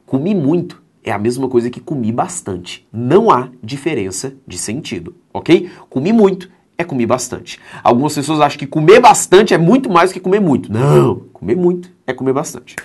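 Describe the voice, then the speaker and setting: A man's voice: mid-range voice, sing-song, normal speed, few pauses, husky. A man with a Brazilian Portuguese accent teaching grammar in a recorded exam-prep lecture, speaking emphatically and often checking in with "ok?".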